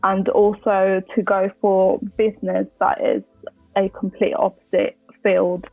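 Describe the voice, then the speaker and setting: A woman's voice: medium pitch, little pitch movement, a little slow, gravelly, no room sound, soft background music. Woman in her twenties on a tinny line. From Colombia, raised in London. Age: 20s. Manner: chatty, many fillers and restarts. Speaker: podcast guest. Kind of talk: casual interview.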